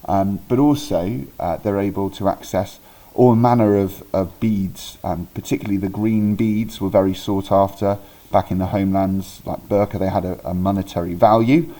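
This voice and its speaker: In a rough recording, a relaxed Welshman with a low, mellow voice teaches history informally, much like a teacher seated at his desk. He often pauses on ums, restarts, and fixes a date or word, then continues in a friendly, chatty, unscripted and easygoing way.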